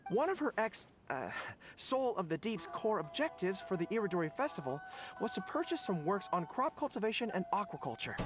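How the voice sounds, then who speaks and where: A woman's voice: mid-range voice, sing-song, brisk, natural voice. A woman playing an earnest, easily flustered boyish young soldier in scripted game dialogue. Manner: hesitant, stammering when flustered. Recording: music behind the voice.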